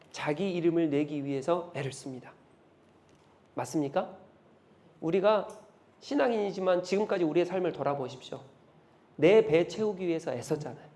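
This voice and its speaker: High-voiced, emphatic male preacher. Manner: emphatic, rhetorical questions, swings from loud to hushed. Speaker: pastor. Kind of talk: sermon.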